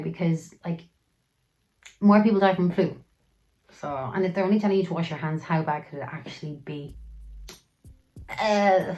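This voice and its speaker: A woman's voice: fairly low pitch, natural voice, low-quality recording. A young woman playing a hungover party-goer, chatting flippantly in a video diary.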